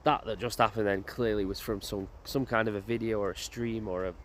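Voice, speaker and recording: A man with a lowish voice and fairly even intonation talks a little fast while vlogging through a graveyard. He's a paranormal investigator giving casual walking commentary, thinking aloud and asking himself questions. The outdoor recording is loud, and a motorbike goes by.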